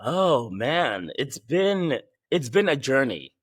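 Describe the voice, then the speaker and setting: A young man from Ghana, an actor, talking in a relaxed, casual way and laughing often. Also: mid-range voice, slow. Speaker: actor, guest. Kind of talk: casual interview chat.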